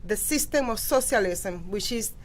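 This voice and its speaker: A woman from Venezuela, speaking English with a Venezuelan Spanish accent, talks as a political candidate on an interview show. She speaks in an animated, emphatic way, restarting phrases often. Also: medium pitch, normal speed. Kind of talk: casual interview talk.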